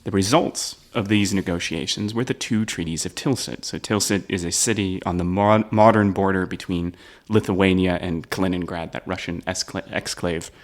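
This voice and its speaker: A man's voice: low-pitched, steady tone, normal speed, hardly any pauses. A man telling a history story on a comedy podcast, casual, often checking in with "right?". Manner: explains with "right?" asides, laughs at the jokes.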